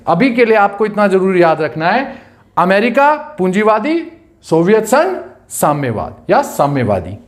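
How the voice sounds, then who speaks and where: A teacher giving an exam-prep lecture to students, asking rhetorical questions, answering them, and repeating key points to memorize. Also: mid-range voice.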